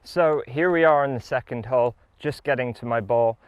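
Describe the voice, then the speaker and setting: A man's voice: medium pitch, normal speed, dull audio, noisy background. A man giving an enthusiastic, casual product review while playing a round of golf outdoors. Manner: enthusiastic, upbeat.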